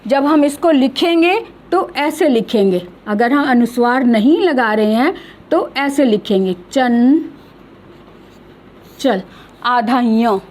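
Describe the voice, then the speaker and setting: A high-pitched woman who speaks slowly while teaching a grammar lesson online. She is middle-aged and patient, and she stretches out each example word so it can be heard clearly. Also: expressive, a little mellow. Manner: slow, patient, drawing out example words.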